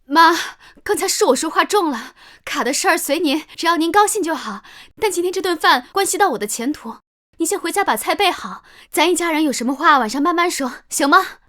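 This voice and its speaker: A very high, bright-voiced young daughter-in-law in a melodramatic short drama. She is shrill, entitled and scheming, with a vicious temper and swooping intonation. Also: sing-song, brisk, exaggerated voice. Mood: falsely conciliatory. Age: young adult. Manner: shrill, accusatory, swings between tirades and coaxing.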